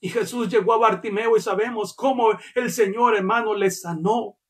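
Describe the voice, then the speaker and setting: A man preaching a sermon as pastor. He speaks fervently, calls his listeners brother, repeats words as he goes and rises to shouts at key points. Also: sits high, steady tone, normal speed.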